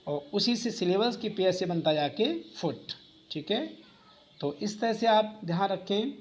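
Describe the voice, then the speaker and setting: A man's voice: sits high, animated, a little slow. Man teaching, asks and answers himself. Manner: explains step by step, asks and answers own questions. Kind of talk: exam-prep lecture.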